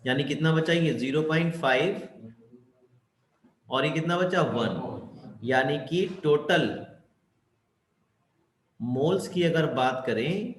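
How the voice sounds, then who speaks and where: Higher-voiced male chemistry teacher, echoey room. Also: slow pace, pauses often. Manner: asks students questions and answers them himself; mixes English terms into Hindi. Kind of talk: explanatory lesson. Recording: echoey room with faint ambience.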